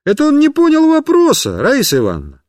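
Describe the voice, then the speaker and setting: A man's voice: extremely high pitch, wildly swooping pitch, brisk, no echo, studio quality, voice pushed up, full character voice. A man reading a story aloud and voicing a crafty schoolboy who plays innocent to help a friend. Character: sly, helpful schoolboy friend.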